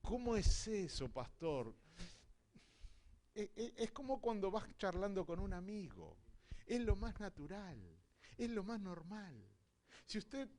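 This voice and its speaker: A man from Argentina with an Argentine accent preaching a sermon, telling stories and acting out dialogue, swinging from hushed to loud. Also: high-pitched, big pitch swings, takes it slowly, long pauses. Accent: Argentine Spanish. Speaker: visiting apostle preaching.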